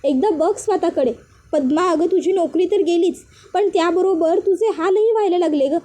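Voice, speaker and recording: Woman doing a scheming sister, coaxing, persuasive, mellow tone. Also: extremely high pitch, normal speed.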